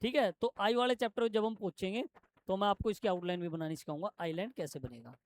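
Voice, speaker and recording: A man teaching shorthand to a classroom, explaining step by step and quizzing his students with quick questions. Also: high voice. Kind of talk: classroom lesson.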